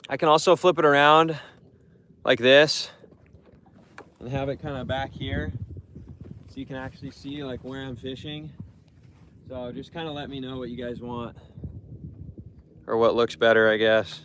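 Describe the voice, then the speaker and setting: A man's voice: mid-range voice, fairly even intonation, moderate pace, long pauses, fairly bright tone, a little hiss or hum. A young man chatting casually to his live stream viewers while fishing from a boat on a lake, rambling and repeating himself. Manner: rambling, repeats words, talks to chat.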